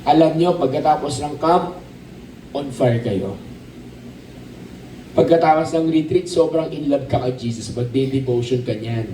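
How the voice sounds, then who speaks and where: A man preaching a lively sermon at a camp, asking the crowd questions and calling for amens. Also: a little high, a little slow, long pauses, slight background noise. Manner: animated, asks the crowd questions, calls for amens. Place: outdoor camp. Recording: roomy, distant outdoor sermon recording with faint ambience.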